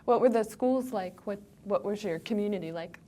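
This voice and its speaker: A woman interviewing, asking questions gently and rephrasing them to help the speaker understand. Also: medium pitch, normal speed. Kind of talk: oral history interview.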